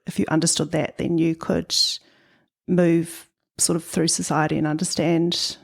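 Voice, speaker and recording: A woman's voice: deep voice, flat delivery, unhurried, creaky, a little mellow. A middle-aged woman from New Zealand with a New Zealand accent, answering interview questions in a thoughtful, hesitant way. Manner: thoughtful, hesitant, many ums. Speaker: guest artist.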